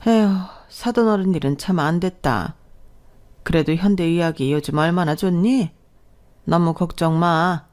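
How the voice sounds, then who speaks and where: A woman's voice: fairly low pitch, measured pace, a little mellow, close to an everyday voice. A woman reading the lines of a chatty middle-aged mother-in-law who fusses and reassures. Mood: reassuring.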